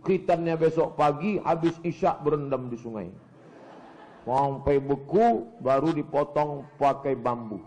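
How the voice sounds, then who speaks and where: A male preacher giving a sermon in an animated, joking way, full of rhetorical questions. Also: a little high, a little slow, low-quality recording.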